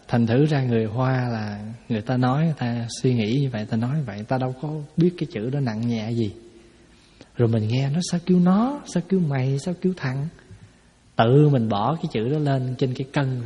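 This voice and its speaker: Mellow-voiced monk teaching. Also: male voice, mid-range voice. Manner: folksy, explanatory, rhetorical questions. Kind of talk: dharma talk. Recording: echoey hall, dull lo-fi sound.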